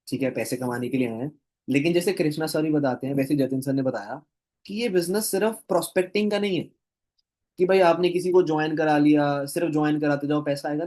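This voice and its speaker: A man's voice: on the high side, darkish tone. A man giving a casual, enthusiastic talk to camera, recapping a training session for his business team. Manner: chatty, enthusiastic, chuckles while retelling. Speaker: network-marketing trainer.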